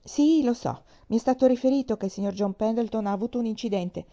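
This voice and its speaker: A woman's voice: fairly high pitch, fast, warm tone, pitched above the performer's own voice, lightly acted. A woman reading aloud, voicing a stern, rigid older aunt who speaks in a severe, clipped way.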